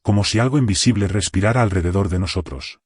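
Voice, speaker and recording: A man's voice: low-pitched, fast talker, no room sound, studio quality. A man narrating a first-person military horror story in a tense, scripted way.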